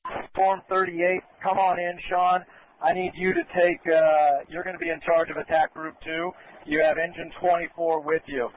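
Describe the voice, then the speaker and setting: A man's voice: on the high side, little pitch movement, normal speed. A man acting as fire incident commander, giving orderly, polite instructions over a two-way radio. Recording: dull radio recording with faint noise.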